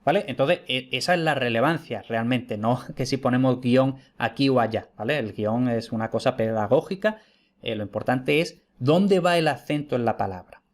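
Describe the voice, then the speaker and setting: A man's voice: mid-range voice, normal speed. A man from teaching historical grammar in an informal online lecture, explaining patiently, repeating key points and checking in with his listeners.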